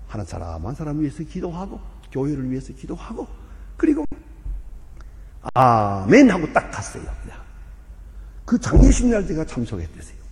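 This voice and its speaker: An older man, a pastor, preaching and telling stories with sudden loud emphasis. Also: mid-range voice. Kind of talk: sermon. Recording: long reverb of a church hall.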